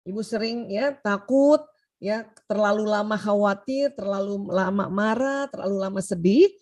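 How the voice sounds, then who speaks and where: A woman's voice: medium pitch, normal speed, a little mellow. A middle-aged woman giving an informal health talk to mothers, chatty, with frequent "ya" and direct address to her listeners. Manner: chatty, addresses the audience as "Bu", often adds "ya".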